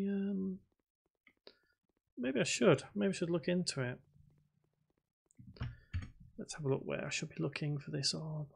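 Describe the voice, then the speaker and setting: A fairly high-pitched, creaky-voiced man runs a casual live stream, thinking aloud as he writes code. He talks to himself at the keyboard, reads out questions from chat, and describes his voice as boring.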